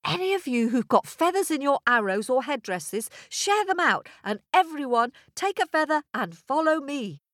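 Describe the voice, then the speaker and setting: Boastful trickster coyote done by a woman, cocky, excitable, high and bouncy voice, dry close sound. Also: normal speed, hardly any pauses, no echo.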